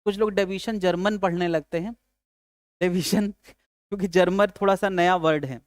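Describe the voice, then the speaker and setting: Calling his students "yaar" and joking with them, a male physics teacher lectures casually, asking and then answering his own questions. His high voice has fairly even intonation, a moderate pace and a clean tone, captured in studio quality without echo.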